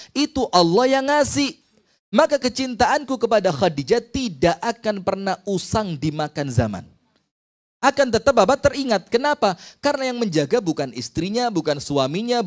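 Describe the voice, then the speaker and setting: Animated, fairly high-voiced male preacher. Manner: animated, with rapid rhetorical questions and jokes. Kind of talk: sermon to a women's study group.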